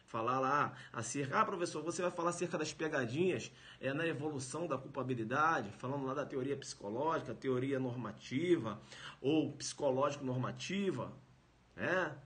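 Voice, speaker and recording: A man's voice: mid-range voice, a bit bright. A man with a Brazilian Portuguese accent giving a live-streamed law lecture, emphatic, repeating phrases and adding tag questions. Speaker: law teacher.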